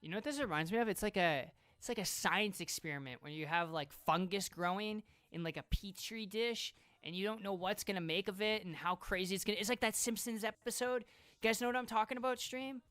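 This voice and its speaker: A streamer reacting live, rambling and excitable, who swears often. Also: female voice, mid-range voice, a little fast.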